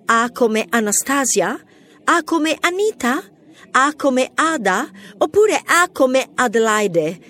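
A brisk female mouse professor from a storybook, played by a woman, quizzical and a little amused by the stranger. She talks slowly, her voice rising and falling widely as she lists one question after another. Her tone sits fairly high. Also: very animated, bright, forceful tone, heavily acted. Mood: incredulous. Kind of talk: storybook reading.

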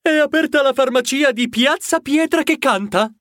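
Eager young mouse reporter done by a man, high voice, storybook reading. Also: moderate pace, fairly bright tone, no echo, clean studio sound.

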